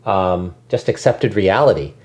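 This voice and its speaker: In a conversational interview, an American man who heads an education nonprofit responds thoughtfully, peppering his speech with ums and restarts. He has a low-pitched, expressive, darkish voice and a measured pace.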